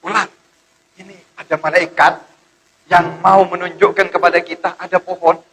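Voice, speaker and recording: A man voicing a sly scheming peacock, raised bright voice, coaxing and conspiratorial. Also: high-pitched, little pitch movement, moderate pace, poor audio. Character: sly male peacock plotting a trick.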